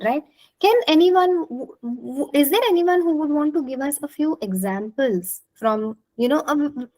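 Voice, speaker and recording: On an online video call, a clinical psychologist leads an interactive talk, speaking conversationally and encouragingly while inviting participants to respond. She's an Indian woman from Maharashtra whose native language is Marathi, with a high, darkish voice captured in a rough recording.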